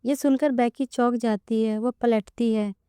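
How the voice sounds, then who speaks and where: A woman narrating a romance story in an even, storytelling way. Her voice is slightly high yet mellow, smooth and clean. It is recorded close and dry. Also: unhurried, no room sound.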